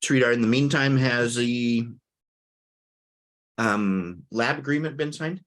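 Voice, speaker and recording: Guy running a meeting on a video call, really slow, halting, medium pitch. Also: fairly bright tone, poor audio. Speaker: meeting host. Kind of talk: casual online meeting chat.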